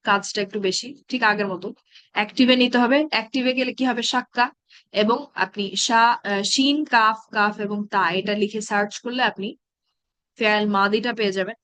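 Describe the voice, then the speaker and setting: A woman teaching an online grammar class, patiently checking that students follow and reciting verb patterns slowly. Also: mid-range voice, steady tone, a bit bright.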